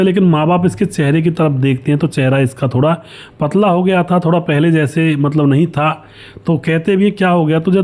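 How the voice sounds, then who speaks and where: A man telling a story in a relaxed, chatty way, talking to his listeners as friends. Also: medium pitch. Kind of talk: casual spoken storytelling.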